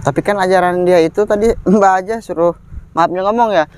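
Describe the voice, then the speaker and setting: A man's voice: sits high, a little fast, darkish tone, slight background noise, lightly acted. An actor playing a stern male Islamic exorcist who scolds and urges in a homemade skit. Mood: scolding. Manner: scolding, urgent.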